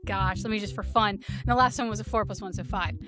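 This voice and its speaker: A woman playing a tabletop game explains her moves in a brisk, matter-of-fact way. Music plays clearly underneath her voice. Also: medium pitch. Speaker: player.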